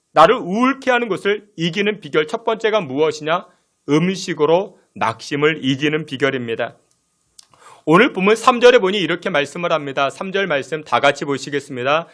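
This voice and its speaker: Korean pastor preaching, rising and falling emphasis. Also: male voice. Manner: rhetorical questions to the congregation; shifts between loud emphasis and soft low phrases. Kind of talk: sermon. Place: church sanctuary.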